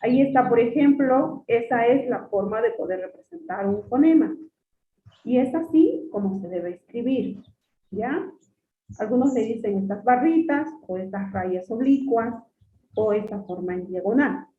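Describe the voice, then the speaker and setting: This woman's voice leans high, with lively intonation and a slightly slow delivery. She's teaching an online class, patiently repeating her explanations and calling the students "jóvenes". Captured by a computer mic on a video call, the sound is echoey and phone-like.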